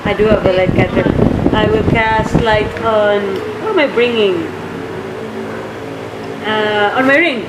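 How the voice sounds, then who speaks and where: A woman's voice: medium pitch, unhurried, pauses often. A woman playing a tabletop game, talking casually with the group. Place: echoey room. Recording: echoey room, loud background noise.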